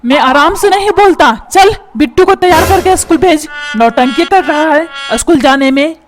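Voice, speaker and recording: A short-tempered cartoon father yells and threatens, as a woman voices him in a raised, high voice. He scolds in blunt bursts, over a loud music bed. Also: moderate pace, lightly acted. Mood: stern. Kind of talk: cartoon dubbing.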